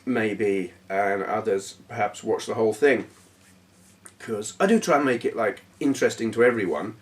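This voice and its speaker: A man with a hoarse, failing voice, hosting his gaming channel and rambling casually to camera with plenty of fillers and self-deprecating asides. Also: on the low side, normal speed, distant mic. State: hoarse, voice going. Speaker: YouTube gaming channel host.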